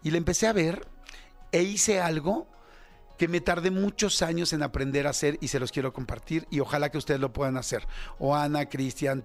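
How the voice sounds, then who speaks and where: Chatty Mexican man in his fifties. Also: medium pitch. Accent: Mexican Spanish. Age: 50s. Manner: candid, self-critical, chatty with many fillers. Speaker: radio host. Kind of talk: casual radio monologue.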